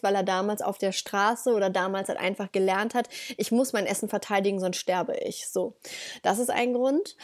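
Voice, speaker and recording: Direct, lively woman podcaster. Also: on the high side. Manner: direct, lively, addresses listeners as du and ihr. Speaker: dog podcast host. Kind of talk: casual podcast monologue.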